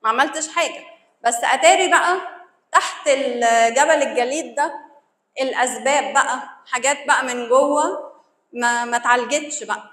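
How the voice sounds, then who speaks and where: A woman's voice: high voice, fairly quick, fairly bright tone. Egyptian woman lecturing in an echoey hall. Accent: Egyptian Arabic. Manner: conversational, acts out quoted reactions. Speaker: church service lecturer. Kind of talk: lecture to church servants. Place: church hall.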